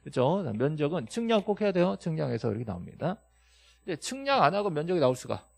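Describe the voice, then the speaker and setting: A man teaching a classroom lecture, emphatic and quizzing his students with quick questions and answers. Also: a little high, very animated, creaky, a little mellow, no echo. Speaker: real estate law instructor.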